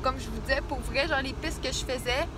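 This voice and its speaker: In her small apartment, a twenty-something woman with a Quebec French accent talks fairly quickly in a high voice, rambling through filler-heavy vlog chatter. The handheld camera sits at arm's length, and the background is noisy.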